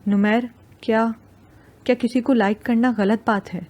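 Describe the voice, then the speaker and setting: A woman's voice: fairly high pitch, steady tone, a little mellow, natural voice. A woman voicing an anxious, lovesick young female student who speaks hesitantly and fretfully.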